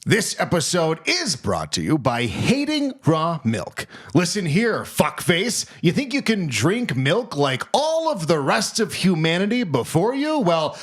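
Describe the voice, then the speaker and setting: A man voicing an angry male spokesman in a mock sponsor ad, insulting the listener and ranting until he shouts. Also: a little high, wildly swooping pitch, measured pace, few pauses, heavily acted. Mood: furious.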